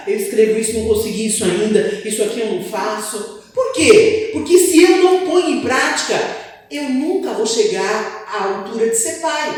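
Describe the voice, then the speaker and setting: Woman preacher, higher voice, animated call-and-response sermon, distant mic in a reverberant church. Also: a little hiss or hum. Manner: animated, asks the congregation for replies. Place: church hall. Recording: echoey hall, distant mic.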